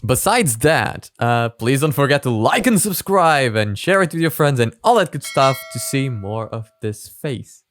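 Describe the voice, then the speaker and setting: A man's voice: mid-range voice, very animated, a little slow, few pauses, fairly bright tone, dry recording. A man hosting a reaction video, talking casually in a chatty, rambling way with many fillers.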